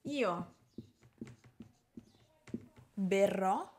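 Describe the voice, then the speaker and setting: A woman from Italy teaching a language lesson at an unhurried pace. She lays out each example word with careful, deliberate pronunciation, in a mid-range voice. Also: medium pitch, expressive, a little mellow, slightly rough. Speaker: Italian teacher. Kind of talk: slow, clear language lesson.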